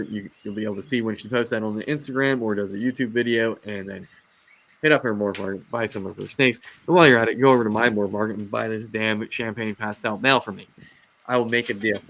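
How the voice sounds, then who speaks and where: Gravelly and fairly bright, his lowish voice holds a steady tone while he talks fast over poor audio. He's the host of a reptile live show, rambling through a casual chat, prone to rants, stumbling over fillers and restarts as his voice goes.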